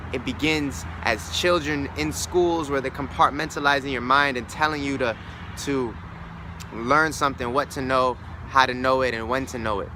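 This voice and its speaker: A man's voice: medium pitch, background noise. A man hosting a motivational spiritual talk, earnest and reflective, repeating key words for emphasis, recorded outdoors near a street. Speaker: host of a self-help challenge series.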